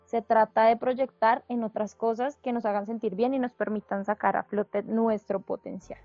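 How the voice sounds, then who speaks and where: Woman, fairly high voice, calm advice talk, dry dull lo-fi sound, faint music behind. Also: moderate pace, no echo. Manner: explains step by step, calm and reassuring. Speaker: podcast host giving advice. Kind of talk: casual advice talk, listing tips. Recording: dull, dry, slightly lo-fi audio.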